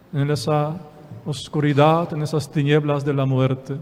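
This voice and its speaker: Slow-preaching priest in a reverberant church. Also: male voice, fairly high pitch, darkish tone. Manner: slow, repetitive preaching with rhetorical questions. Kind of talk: Sunday Mass homily.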